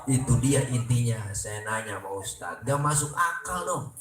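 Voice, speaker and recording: Joking Betawi preacher in an echoey room. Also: male voice, medium pitch, animated, moderate pace, fairly bright tone, recorded from a distance. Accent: Jakarta Betawi. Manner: joking, acts out both sides of dialogues. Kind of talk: comic sermon at a Maulid gathering. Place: prayer room gathering. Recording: echoey room, noisy ambience.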